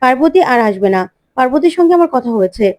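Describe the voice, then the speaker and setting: Cagey young groom read by a woman, high voice, mellow tone, calm replies. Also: fast talker.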